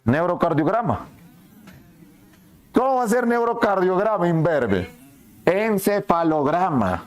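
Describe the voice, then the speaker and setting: A male anatomy teacher giving a lively classroom lecture, asking questions and answering them himself, sometimes voicing the students. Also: high voice, a little slow. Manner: asks and answers his own questions, plays the students' lines too.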